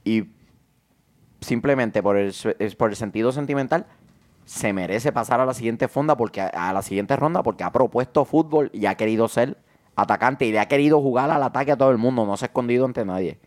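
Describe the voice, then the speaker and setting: A man's voice: medium pitch, fairly quick. A man hosting a casual football chat, making emphatic arguments. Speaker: podcast host. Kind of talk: casual sports talk.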